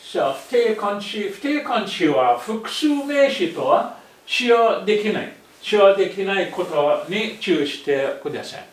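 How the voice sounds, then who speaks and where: A man with a fairly high voice teaches at a deliberately slow pace, going over each phrase several times and correcting himself as he goes. He sounds set back from the microphone in an echoey room. His first language is Arabic. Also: expressive. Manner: repeats phrases slowly with self-corrections. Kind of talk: slow, repetitive language lesson, mixing English and Japanese. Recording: echoey room, voice far from the mic.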